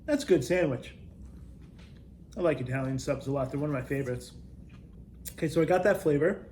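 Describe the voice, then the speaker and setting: A man reviewing snacks as a video host, talking casually and chattily with pauses to taste and thoughtful hums. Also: fairly high pitch, darkish tone, slight background noise.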